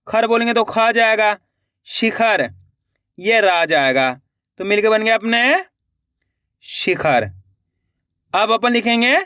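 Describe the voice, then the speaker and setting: A man teaching spelling slowly and patiently, asking the viewer questions, repeating each word and dropping low as he finishes it. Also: bright, forceful tone, dry recording, studio quality. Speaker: Hindi writing teacher. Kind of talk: slow, patient spelling lesson.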